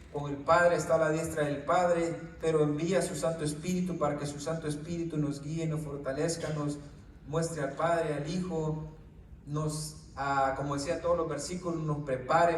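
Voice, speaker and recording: A fairly high-voiced man preaches in an informal teaching style to a small gathering, often checking in with "right?" and "brother" and tripping over his words now and then. He sounds set back from the mic in an echoey room, with a faint hiss behind him. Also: recorded from a distance.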